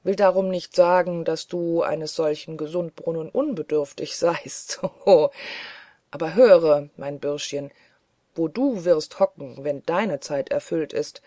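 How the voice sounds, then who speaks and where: Brief: defiant scornful prisoner who laughs at his captor, put on by an audiobook reader; loud, mocking delivery, mid pitch. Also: unhurried, no echo, clean studio sound, close to an everyday voice. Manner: jeering, loud, taunting. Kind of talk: audiobook character voice.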